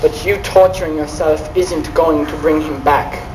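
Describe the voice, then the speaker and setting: A man plays a sober, consoling camp inmate in a drama, earnest and fairly high-voiced. He sounds back from the mic in an echoey space. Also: steady tone, a little slow, close to an everyday voice. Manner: earnest, reasoning. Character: sober, consoling older-brotherly fellow prisoner. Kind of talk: dramatic acting. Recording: echoey, distant mic, faint noise.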